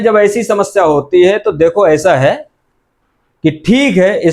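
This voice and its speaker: A man's voice: high-pitched, a little mellow. A middle-aged man teaching Sanskrit grammar, asking questions and answering them himself and repeating the key terms. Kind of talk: explanatory lecture.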